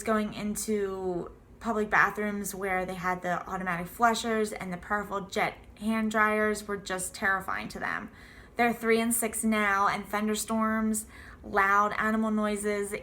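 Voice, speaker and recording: Woman in her 30s, book reviewer and host, clear bright tone, earnest and explanatory. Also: medium pitch. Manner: earnest, explanatory, occasional ums. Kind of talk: prepared book review to camera.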